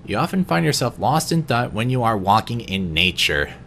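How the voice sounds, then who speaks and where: A man reading personality quiz questions aloud in an unscripted vlog, answering each one in a quieter, lower voice with the odd stumble. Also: very animated, normal speed, gravelly, slight background noise. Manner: occasional stumbles and restarts. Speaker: vlogger.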